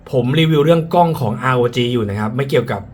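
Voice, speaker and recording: A man's voice: medium pitch, animated, rapid-fire. Man reviewing gadgets through a face mask. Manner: frank, repeats points, casual fillers. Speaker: tech reviewer. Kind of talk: casual spoken product review. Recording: clear background ambient noise.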